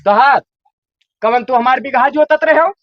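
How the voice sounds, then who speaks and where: Muffled lo-fi sound, a man acting old village father, very high voice, Awadhi accent, cantankerous, blunt scolding, comedy sketch. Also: normal speed, no echo. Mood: grumbling, sarcastic. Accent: Awadhi, eastern Uttar Pradesh.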